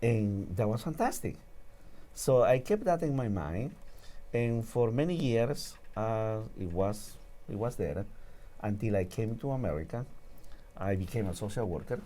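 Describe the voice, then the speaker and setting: A man's voice: lowish voice, expressive, measured pace, mellow. A man from Peru with a Peruvian Spanish accent, telling a personal story earnestly as a talk show guest.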